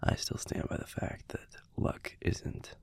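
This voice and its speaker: A man with an American accent whispers as a gruff yet tender young werewolf boyfriend in an intimate audio roleplay, speaking softly to the listener. His low voice is breathy, husky and gravelly, in a laid-back, halting murmur with casual swearing, lightly acted. The mood is wry, fond reminiscing.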